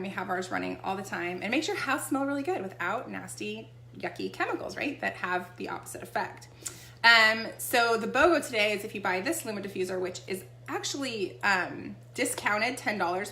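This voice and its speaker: An echoey room with a faint hum carries the sharp, mid-range voice of a Texas woman selling essential oils. She shows off the products conversationally, often checking in with the listener.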